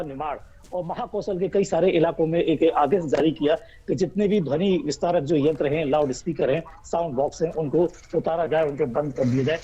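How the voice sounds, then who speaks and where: A man with a fairly high, warm, slightly rough voice reports live as a news bureau chief. He speaks off the cuff, emphatic, wordy and repetitive, over a dull, muffled live link.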